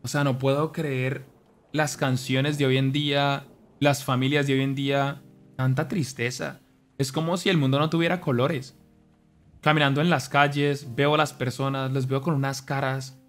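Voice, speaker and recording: A young man streaming, talking earnestly to his chat in an animated, preachy way. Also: medium pitch. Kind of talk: casual monologue to stream chat. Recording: faint music behind.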